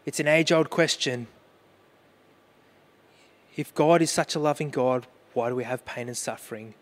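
A man's voice: medium pitch, normal speed. A man preaching a sermon as pastor, earnest, mixing questions to the congregation with personal storytelling about grief.

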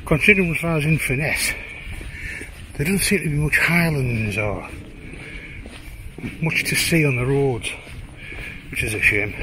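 A man's voice: medium pitch, unhurried, long pauses. A middle-aged man with a Teesside accent, chatting casually and a bit out of breath while hiking and filming a photography vlog. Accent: Teesside English. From Teesside, England. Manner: chatty, self-deprecating, rambling asides. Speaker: photographer vlogger. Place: outdoors on a windy highland lochside trail. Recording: wind noise outdoors.

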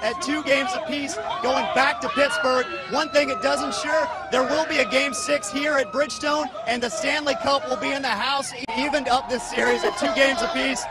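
A man reporting live on sports, excited and amused, with laughter breaking into his words. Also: very high-pitched, moderate pace, few pauses, over loud music. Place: outdoors in a loud crowd outside an arena. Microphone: reporter's microphone. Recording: very loud cheering crowd.

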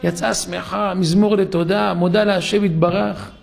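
A man's voice: sits high, little pitch movement, vocal fry. A man, a rabbi, telling a story in a sermon at a synagogue, dramatic and acting out the characters.

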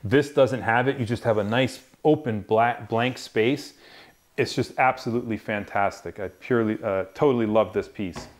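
A man in his forties shows off his garage woodworking shop in a relaxed, unscripted way. His voice sits at an ordinary middle pitch, and he rambles, restarts and fills pauses with ums. He sounds close to a small mic while he moves around the garage. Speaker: woodworking channel host. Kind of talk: casual shop tour. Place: two-car garage workshop.

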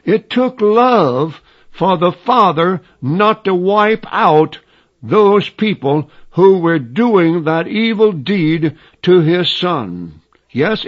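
Slow, high-voiced radio preacher man. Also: lo-fi sound. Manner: slow, emphatic preaching, reciting scripture. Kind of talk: radio sermon.

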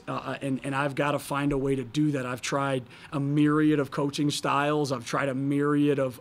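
Slightly high-voiced coach at a press table. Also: male voice. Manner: candid, measured, frequent fillers and restarts. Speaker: college basketball head coach. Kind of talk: post-game press conference answers. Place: press conference room, in front of a sponsor backdrop. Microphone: table microphone.

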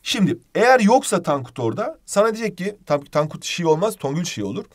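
A man teaching an exam-prep English lesson, jokey and animated, explaining each phrase in two languages. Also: high-pitched, fast.

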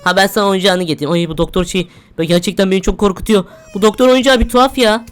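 Kendi kendine konuşan ürkek kadın oyuncu. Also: female voice, medium pitch, steady tone, fast. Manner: jumpy, talks to herself, easily frightened. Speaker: gamer. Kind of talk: horror game let's play commentary.

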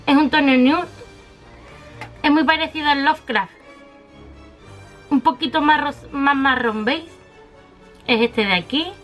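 A high-voiced woman from walks her viewers through a makeup haul, chatty and affectionate, piling on little diminutives as she shows each item. Faint music plays softly behind her. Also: unhurried, long pauses. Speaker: beauty vlogger.

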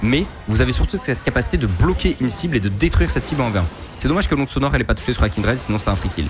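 Dude analyzing a game replay super fast, lots of gamer slang, music playing under him. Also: male voice, medium pitch, lively intonation. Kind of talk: esports replay commentary. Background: background music.

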